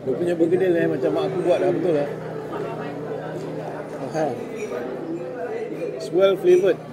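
A man's voice: fairly high pitch, steady tone, normal speed, heavy background noise. A man in his forties with a Malaysian accent, giving a casual food review, switching between Malay and English and humming as he tastes. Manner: mixes Malay and English, savouring with hums between bites. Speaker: food vlogger. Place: busy indoor cafe. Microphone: phone camera at table. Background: loud diner chatter.

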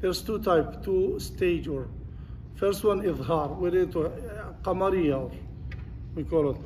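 A man's voice: high-pitched, slow, a little mellow. A man teaching a class on Quran recitation, repeating points and putting questions to his students. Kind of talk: classroom lesson. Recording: distant mic with faint noise.

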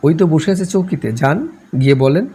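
A man's voice: a little high, a little fast, warm tone, husky, voice pushed up. A man doing a cool, defiant young wife. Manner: cold and clipped.

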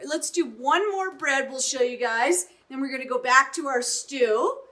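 A woman's voice: high voice, lively intonation, moderate pace, pushed and bright. A middle-aged woman chef giving an upbeat cooking demonstration in a home kitchen, often checking in with "right?".

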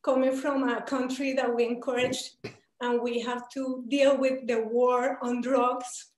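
A high-pitched young woman with a Colombian Spanish accent, whose first language is Spanish, asks a question in an online Q&A over a laptop video call from an echoey home room. Her delivery is flat and measured in pace, earnest and hesitant, with many fillers.

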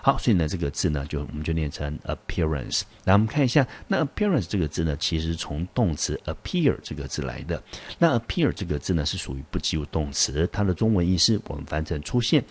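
A man with a very low, deep voice teaches English vocabulary. He goes through each word slowly and patiently, stopping often on fillers and saying phrases again. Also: sing-song, husky. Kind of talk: vocabulary lesson.

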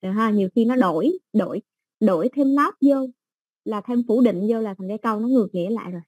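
A woman teaching an English exam-prep lesson, explaining slowly with everyday examples and many fillers. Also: on the high side, darkish tone, breathy edge, no echo, poor audio.

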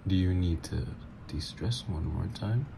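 In this ASMR roleplay, a man with a low, gravelly voice speaks at a measured pace as a flirtatious, teasing supervillain ex. The voice actor keeps it playful against background noise.

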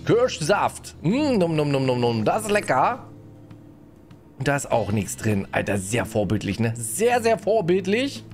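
A man's voice: a little high, big pitch swings, a little slow, faint music behind. A man streaming a game live, chatting and greeting viewers as he plays, often tagging his sentences with a questioning "ne?". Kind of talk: live gameplay commentary.

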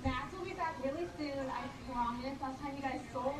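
A woman's voice: high voice, a little fast. A woman instructing a workout, upbeat and coaching, heard from a video. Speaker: fitness instructor. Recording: roomy video audio from a distance.

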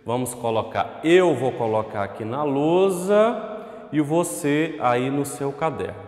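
A man with a Brazilian accent teaches young pupils at a whiteboard in an unhurried, patient way. He stretches words out slowly, as if dictating. His voice rings in a roomy classroom with a long, echoing tail. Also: medium pitch, expressive, darkish tone. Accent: Brazilian Portuguese. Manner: addresses the pupil at home, asks "ok?". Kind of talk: primary school online lesson. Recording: echoey room with long reverb.

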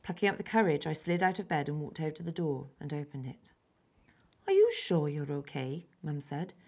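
A schoolgirl of about ten from England reads her own story aloud. Her voice is rather low for her age, and she reads carefully and evenly, slipping into soft, breathy passages now and then. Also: fast. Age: child, about 10. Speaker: young story author.

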